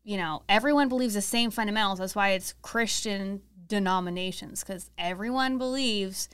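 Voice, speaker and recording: A woman co-hosting a casual podcast chat, earnest and chatty, quick to laugh. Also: medium pitch, a bit bright, clean tone.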